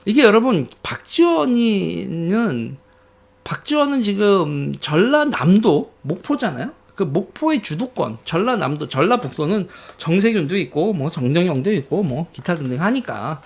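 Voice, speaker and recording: A man talks through politics in a casual, conversational way, his voice riding high and swinging widely in pitch. He acts out the people he quotes and chuckles between points. He is from Korea's Chungcheong region. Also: normal speed, gravelly. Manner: animated storytelling, acting out quoted villagers. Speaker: political commentator.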